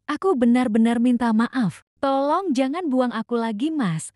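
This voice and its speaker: A woman's voice: sits high, measured pace, dry recording, clean studio sound. Woman reading as a pleading, remorseful younger brother. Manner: soft, pleading.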